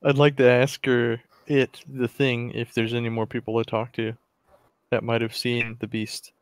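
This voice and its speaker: A man's voice: medium pitch, flat delivery, normal speed, smooth, no echo. A man chatting casually and role-playing in a tabletop game with friends. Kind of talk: casual role-play chat.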